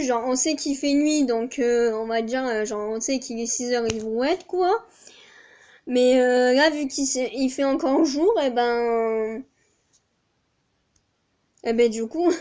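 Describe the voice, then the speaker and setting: A young woman with a southern French accent talks casually to her camera in a high, light voice. She rambles from one small thing to the next and pokes fun at herself with easy laughs. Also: darkish tone. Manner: chatty, rambling, self-mocking with frequent laughs. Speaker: vlogger. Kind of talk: casual vlog chat.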